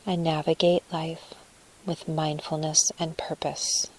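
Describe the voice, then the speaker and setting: Leading a meditation, a low-voiced woman speaks gently and breathily, her melody almost flat. Every phrase is placed deliberately with space around it, and the audio quality is rough.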